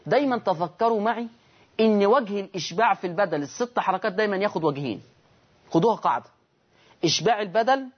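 A man with an Egyptian accent and a fairly high voice, teaching recitation rules on a broadcast lesson. He stretches the example words out slowly as he recites them, then asks his listeners questions and answers them himself. The sound is a bit dull and lo-fi. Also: expressive, husky. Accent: Egyptian Arabic.

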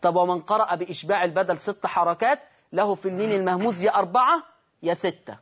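A man with an Egyptian accent teaching Quran recitation on a broadcast lesson. He explains the rules, puts questions to his listeners and answers them himself, and recites the example words slowly and drawn out. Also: high voice, muffled recording. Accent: Egyptian Arabic.

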